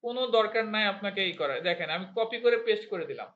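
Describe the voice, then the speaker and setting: A man's voice: sits high, animated, fast, a bit bright. A man teaching a networking class. He quizzes his students, asks them to repeat terms aloud and counts digits out one by one. He speaks with a Bangladeshi Bengali accent. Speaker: networking instructor. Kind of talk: classroom lecture. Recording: roomy, slightly dull classroom recording.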